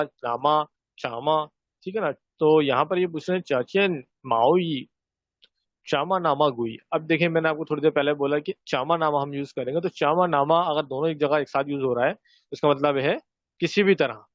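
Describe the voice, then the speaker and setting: A man teaching a recorded Chinese lesson, explaining sentences step by step and repeating Chinese phrases slowly. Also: fairly high pitch, no room sound. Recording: dull, dry lo-fi recording.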